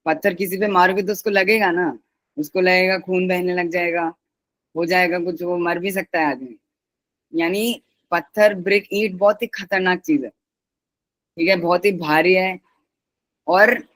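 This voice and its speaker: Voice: mid-range voice, a bit bright, no room sound, rough recording. A teacher giving a patient live online class who repeats each key word and its synonyms and mixes in English words.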